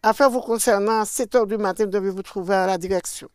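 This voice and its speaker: As an interview guest, an older woman with a Martinican French accent shares a personal faith testimony, acting out quoted dialogue and swinging between loud and hushed. She talks fast in a steady, clean mid-range voice, recorded studio-quality with no room sound.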